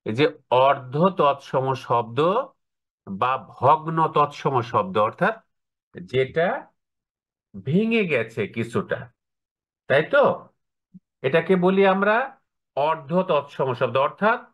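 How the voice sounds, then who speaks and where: Man, online class teacher, fairly high voice, quizzes students with rhetorical questions. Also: a bit bright.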